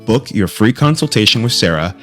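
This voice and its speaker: A man reading a scripted podcast outro in a smooth promotional manner. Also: lowish voice, expressive, a little fast. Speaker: podcast announcer. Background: guitar music.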